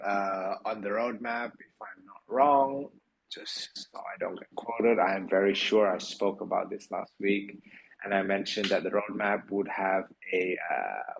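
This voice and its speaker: A man's voice: lowish voice, steady tone, measured pace, gravelly, slight background noise, low-quality recording. A man hosting a live audio chat, talking loosely with lots of fillers and the odd swear. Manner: loose, filler-heavy, informal and a bit profane. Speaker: project team member hosting an AMA.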